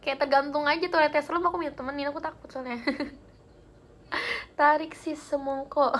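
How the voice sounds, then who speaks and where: A woman's voice: sits high, fairly even intonation, moderate pace, a bit bright. A young woman hosting a live stream, chatting casually with viewers and telling spooky stories in a giggly way. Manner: chatty and giggly, reads comments aloud.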